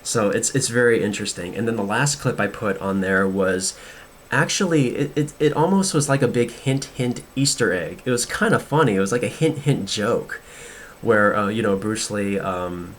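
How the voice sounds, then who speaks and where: A man talks in a fairly low voice, hosting a casual podcast monologue. He rambles, restarts sentences and leans on fillers. A faint hiss sits under his voice. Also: normal speed. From United States. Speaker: podcast host.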